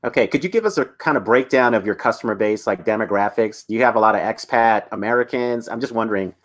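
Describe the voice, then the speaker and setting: A man on a video call moderating, asking curious, brisk questions. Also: on the low side. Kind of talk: interview questions.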